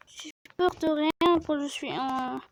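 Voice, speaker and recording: A woman giving casual commentary over her own gameplay, excitable, yelling at the game and restarting her sentences often. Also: sits high, slow pace, rough recording. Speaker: gamer narrating her play. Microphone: phone screen recorder mic.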